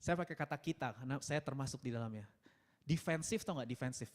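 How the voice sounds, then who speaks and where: A married man preaching a sermon in a chatty, animated way, laughing often and mixing in English words. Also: mid-range voice, fast. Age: adult, married. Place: church service.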